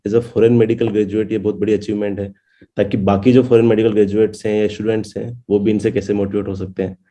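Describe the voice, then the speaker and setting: A young man in his twenties hosts a relaxed interview, his voice low and very dark. He keeps his delivery fairly level and easygoing, giving short affirming replies. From India. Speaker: host. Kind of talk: casual interview.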